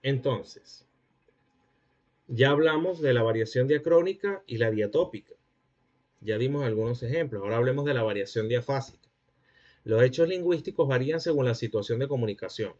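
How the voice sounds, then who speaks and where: A man's voice: mid-range voice, darkish tone. A man with a Venezuelan accent teaching a linguistics class, explaining step by step and often checking in with his students. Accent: Venezuelan Spanish. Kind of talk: lecturing a class. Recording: muffled lo-fi audio.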